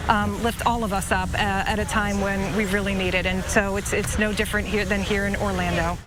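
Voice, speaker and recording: A woman field reporter giving an unscripted live news report, emphatic and halting, repeating words for stress. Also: mid-range voice, level tone. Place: outdoors in a flooded neighborhood. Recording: noisy outdoor live field report, vehicle noise.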